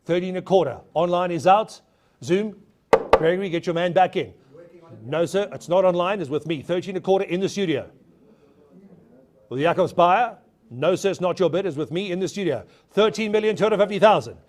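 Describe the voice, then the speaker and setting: A man's voice: sits high, a little fast, a little mellow, slight background noise. A man working as a live auctioneer, calling bids in a repetitive, emphatic chant. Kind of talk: live auction bid calling and lot presenting. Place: auction studio with bidders on the floor.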